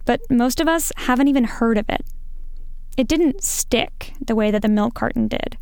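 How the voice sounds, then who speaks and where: A woman's voice: on the high side, moderate pace, a little mellow, clean tone, dry recording. A woman reporting on a podcast in scripted documentary narration.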